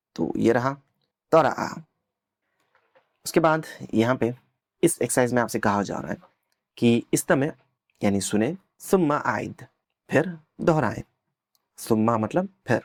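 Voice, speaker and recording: A man teaching an Arabic lesson, patiently explaining and slowly repeating words for learners to copy. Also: mid-range voice, dry recording, clean studio sound.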